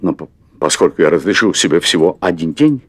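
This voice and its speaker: A man's voice: low voice, animated, fairly quick, dry recording. Jittery fifty-ish married guy pouring his heart out, stammers and repeats, voice swings up and down a lot, dry close sound. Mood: confessional. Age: 50s. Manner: confessional, hesitant, repeats words. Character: anxious middle-aged man, restaurant owner craving adventure. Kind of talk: stage play recorded for television. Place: theatre stage set as hotel room.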